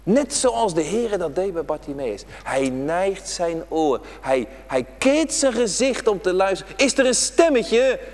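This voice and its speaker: A man's voice: a little high, very animated, measured pace, hardly any pauses, a little mellow, big-room sound. A man preaching an emphatic, repetitive prayer-day sermon to children in a church. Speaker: pastor.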